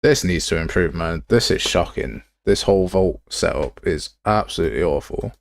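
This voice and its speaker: A man with a deep voice hosts a casual livestream, grumbling and thinking aloud at normal speed as he browses software assets. The recording is dry.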